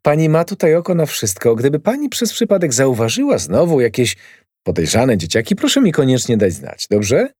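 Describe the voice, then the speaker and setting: A man playing a wary grown man who lies smoothly and coaxes his neighbour with an ingratiating tone. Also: medium pitch, huge pitch swings, moderate pace, warm tone, dry recording, clean studio sound, voice pushed up. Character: wary, scheming grown man, a calm liar.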